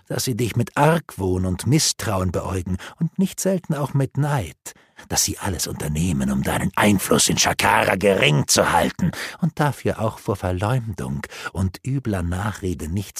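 A man's voice: low voice, husky, dry recording, studio quality, full character voice. A man voicing a cunning, scornful elf sorceress in an audiobook, speaking in a mocking, coaxing way. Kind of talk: audiobook reading.

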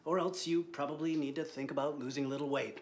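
An actor plays a matter-of-fact doctor who delivers news in a dry, deadpan way. His voice sits a little high. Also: fast talker, close to an everyday voice.

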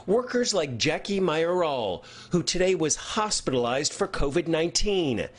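A middle-aged man reporting live for TV news from a room at home, with a measured, emphatic delivery. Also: a little high, big pitch swings. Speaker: investigative reporter.

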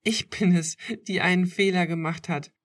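A woman's voice: lowish voice, steady tone, moderate pace, voice pushed up, close to an everyday voice. A woman reading aloud who voices the narrator's teasing, emotional young girlfriend with a slightly lifted tone. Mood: tearful, intense. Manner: tearful then giggly and teasing.

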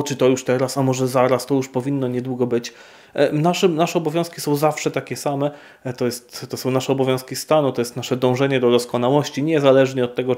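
A man, a priest, answering viewer questions in an unscripted Q&A, speaking in a measured way with frequent hesitations. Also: mid-range voice, a little mellow.

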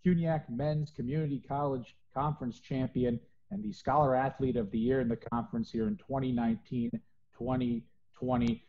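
A man hosting a college sports interview over a video call, asking questions in an upbeat, animated way. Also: mid-range voice, creaky. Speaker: sports information director, interview host. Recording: dull lo-fi video call audio with faint noise.

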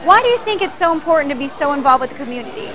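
A woman's voice: high-pitched, very animated, rapid-fire, crowd noise. A young woman hosting a local TV segment, presenting upbeat and scripted and asking interview questions in a restaurant. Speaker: TV show host. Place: restaurant dining room, indoors.

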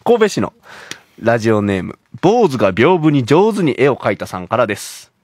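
A man's voice: mid-range voice, big pitch swings, moderate pace, background noise. A young man with an Osaka Kansai accent, co-hosting a radio show in casual, playful, teasing chat and reading out listener letters. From Osaka, Japan. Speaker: radio co-host.

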